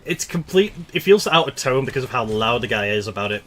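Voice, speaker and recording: A man's voice: mid-range voice, sing-song, a little fast, fairly bright tone, a little hiss or hum. Chatty young man streaming a game. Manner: rambling and chatty, laughs at himself. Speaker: gaming streamer. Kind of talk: casual gameplay commentary.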